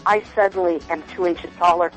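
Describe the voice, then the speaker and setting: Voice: medium pitch, steady tone, fairly quick, faint music behind, close to an everyday voice, poor audio. A performer playing an amazed, gushing testimonial giver in a comic radio promo. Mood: gushing amazement.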